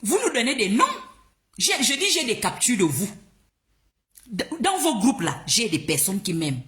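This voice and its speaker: A woman from Gabon speaking on a live stream, her pitch swinging up and down as she argues. She sounds indignant and confrontational, repeats her questions, and trips over restarts when she gets agitated. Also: big pitch swings, normal speed, fairly bright tone. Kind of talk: heated live-stream monologue.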